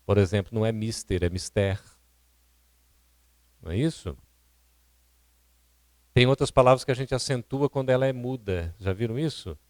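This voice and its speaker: A Brazilian man lectures a seminar audience in a didactic way, often asking them questions. His voice sits at an ordinary middle pitch. The sound is dry and close. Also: expressive, a little fast, long pauses, dry recording. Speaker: seminar speaker. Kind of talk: lecture on public speaking. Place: seminar hall at a spiritist centre.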